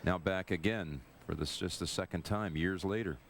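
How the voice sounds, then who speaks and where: A man anchoring live golf commentary on television, with measured, storytelling phrasing. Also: low-pitched. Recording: VHS broadcast with crowd and noise.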